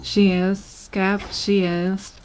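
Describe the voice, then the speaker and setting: A woman streaming a game, chatting in a relaxed way and thinking aloud as she plays. Her voice sits at a middle pitch, with faint background noise on a desk microphone. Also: drawn-out words. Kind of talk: casual gameplay commentary.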